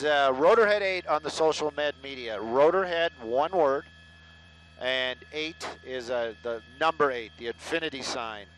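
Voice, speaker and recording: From inside a helicopter in flight, a middle-aged traffic reporter rambles live through a headset mic, full of sarcastic, self-deprecating humor in casual on-air talk. His voice is fairly high and bright, captured in poor audio.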